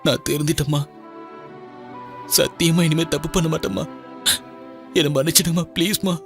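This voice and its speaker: A man's voice: on the high side, fairly even intonation, moderate pace, creaky. An actor playing a young man who pleads for forgiveness, in a film. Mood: pleading. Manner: pleading, apologetic. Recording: film soundtrack with music.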